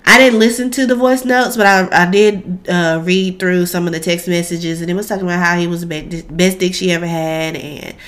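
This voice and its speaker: A woman's voice: lowish voice, steady tone, a little fast, hardly any pauses, fairly bright tone. An American woman co-hosting a podcast in casual, informal chat with a friend, her voice stuffy from a cold. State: congested with a cold. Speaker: podcast co-host.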